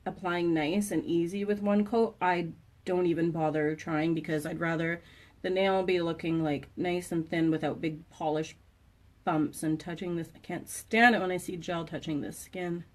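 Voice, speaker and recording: A woman's voice: lowish voice, normal speed. A woman nail technician chatting casually while she works on a client's nails in a salon. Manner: relaxed, chatty, laughs often, mutters while working. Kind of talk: casual chat during live demo.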